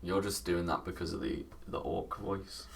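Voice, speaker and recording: A man co-hosting a casual podcast chat, excitable and quick to break into silly voice impressions. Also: low voice, creaky, far from the mic, very noisy. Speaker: podcast co-host.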